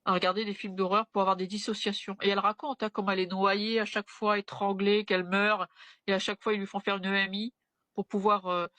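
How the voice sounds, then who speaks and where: Halting woman with a bright, dry voice. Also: mid-range voice, level tone, no room sound. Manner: halting, retelling with quoted dialogue. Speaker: interview guest, a mother. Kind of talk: personal testimony in conversation.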